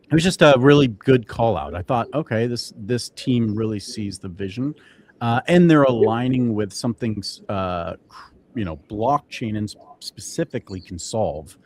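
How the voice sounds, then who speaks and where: A man's voice: fairly low pitch, animated, normal speed, a little mellow, slight background noise. A young man co-hosting a casual crypto show, talking loosely with many fillers and restarts. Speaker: co-host.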